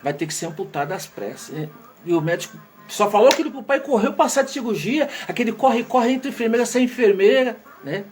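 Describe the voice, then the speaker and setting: A Brazilian man, an educator, telling a dramatic moral story and then preaching to parents and teachers, dropping low for the sad parts and rising with emphasis. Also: lively intonation, fairly quick. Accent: Brazilian Portuguese.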